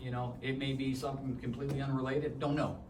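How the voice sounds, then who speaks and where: A middle-aged male supervisor talks quickly and politely to visitors, explaining things patiently. His voice comes through a glass partition, so it sounds distant and boomy. The room echoes, and steady background noise sits under his words. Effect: heard through a glass partition. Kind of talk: casual conversation at a service counter.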